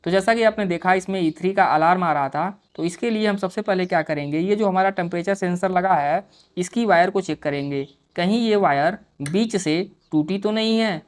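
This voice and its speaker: A man's voice: high-pitched, normal speed, smooth. A man hosting a repair tutorial, explaining each step patiently as he works and often calling his viewers dear friends. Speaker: repair video host.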